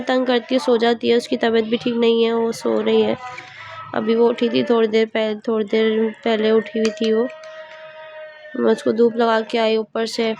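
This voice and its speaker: A young woman, a mother, chatting gently with viewers in a casual home vlog while she sounds unwell. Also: fairly high pitch, creaky, dull audio. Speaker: vlogger and mother.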